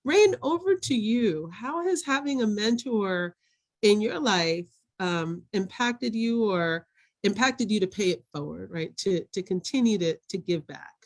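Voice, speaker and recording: A woman's voice: mid-range voice, expressive, measured pace. Woman moderating a video call panel. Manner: encouraging, asks follow-up questions.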